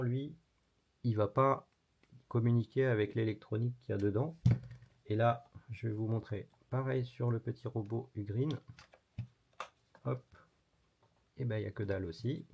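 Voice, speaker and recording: A man's voice: on the low side, normal speed, gravelly, pauses often, slight background noise. A man hosting an electronics tutorial, explaining casually while demonstrating hands-on and swearing mildly now and then. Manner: casual and chatty, with mild swearing. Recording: dull lo-fi recording.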